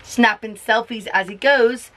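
A mother reads a picture book aloud to her small child, her voice sitting fairly high. She is coaxing and sing-song, and she keeps pausing to quiz him about the pictures. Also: fairly bright tone. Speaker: parent reading to her child.

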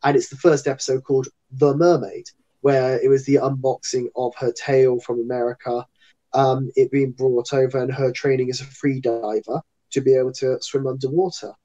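A man's voice: medium pitch, level tone, moderate pace, mellow, highs cut off. A man entertainer chatting as an interview guest, a rambling, talkative storyteller. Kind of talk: casual interview chat.

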